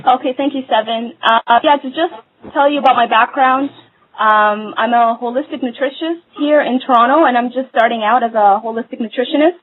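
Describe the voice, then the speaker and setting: A fairly high-voiced woman from Somalia guest hosts a live radio show, speaking hesitantly with lots of ums. She comes through a narrow, tinny phone line. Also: fairly quick. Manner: hesitant, many fillers, new to hosting. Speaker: guest host, holistic nutritionist. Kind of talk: casual live radio talk.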